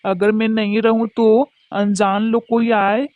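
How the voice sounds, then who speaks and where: A brave little girl bird, voiced by a woman in a cartoon, speaking slowly and defiantly in a raised voice. The recording is close and dry. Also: fairly high pitch, flat delivery, no echo, phone-quality sound, close to an everyday voice. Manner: defiant, pleading.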